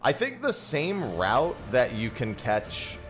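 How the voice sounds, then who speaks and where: A man's voice: medium pitch, wildly swooping pitch, slow pace, music in the background. A man streaming a game over a headset mic, chatting casually and thanking viewers. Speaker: livestreamer. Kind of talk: casual livestream chat while gaming. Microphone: headset mic, livestream audio.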